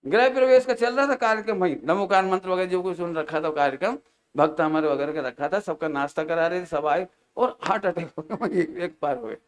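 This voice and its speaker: A man preaching a Jain sermon, lively and storytelling, acting out quoted voices and chanting verse lines slowly. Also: high voice. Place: large hall, camp gathering.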